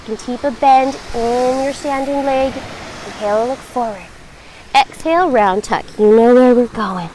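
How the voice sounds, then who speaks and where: Female yoga teacher, high voice, guiding a class with reassuring, measured instruction over light background noise. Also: a little mellow, poor audio. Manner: encouraging, reassuring, measured cueing.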